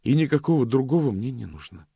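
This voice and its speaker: A man's voice: mid-range voice, animated, quick pace, vocal fry, mellow, breathy edge, no echo, pitched above the performer's own voice. A man reading an audiobook, voicing a tender, lonely young woman in love who speaks earnestly and pleadingly. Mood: fervent.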